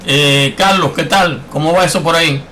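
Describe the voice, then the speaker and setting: Radio host guy, chatty friendly, bright sharp voice, filler words everywhere. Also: a little high, moderate pace, a little hiss or hum. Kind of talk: radio interview. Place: Miami.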